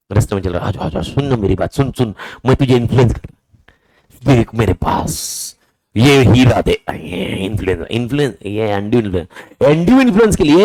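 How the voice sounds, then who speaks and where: A man teaching a lively lecture, asking his students questions and answering them himself, repeating key words and calling them "boss" and "brother.". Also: mid-range voice, no room sound, poor audio.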